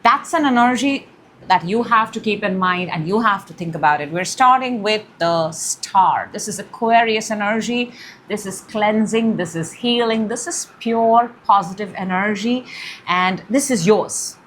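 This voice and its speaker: A young woman hosting a casual tarot reading at home, excitable and gushing, with loud bursts and soft murmurs. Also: mid-range voice, measured pace, a little hiss or hum. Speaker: tarot reader, channel host. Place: room in her home.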